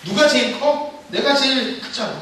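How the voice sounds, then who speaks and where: A man's voice: extremely high pitch, normal speed, sharp tone, slight background noise, voice pushed up. A man putting on the voice of a boastful middle finger that brags about being tallest, in a taunting, swaggering manner. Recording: echoey hall from far off.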